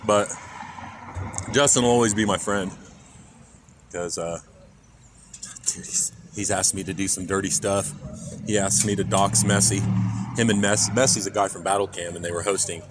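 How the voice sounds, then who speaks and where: Rambling streamer from Kansas, traffic behind. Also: male voice, low-pitched, steady tone, moderate pace, pauses often. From Kansas, USA. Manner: rambling, jokey, reads chat aloud. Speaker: IRL streamer. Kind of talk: casual rambling stream chat. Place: outdoors in a parking lot near traffic. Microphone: phone. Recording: phone recording with clear traffic noise outside.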